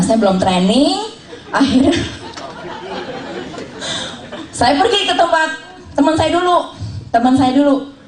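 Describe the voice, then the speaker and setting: A woman, an insurance agent telling her story in a lively way, acting out dialogue and laughing often. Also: mid-range voice, a little hiss or hum. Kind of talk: animated personal storytelling. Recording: roomy room, distant mic.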